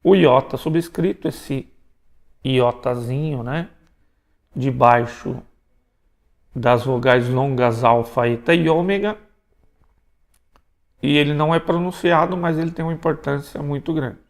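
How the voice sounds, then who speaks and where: A man from Brazil teaching Greek pronunciation in a recorded lecture, explaining step by step and checking in with quick tag questions. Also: a little high, gravelly.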